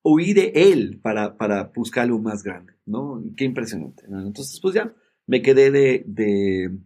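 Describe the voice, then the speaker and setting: A man, a guest in a conversation, telling a personal story in an emphatic, animated way and often checking in with his listener. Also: medium pitch, measured pace, husky.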